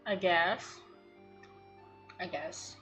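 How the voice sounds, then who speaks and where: A woman's voice: on the low side, fairly even intonation, drawn-out words, a bit bright, faint music behind. A young woman streamer chatting casually over a game, rambling and giggling as she reacts.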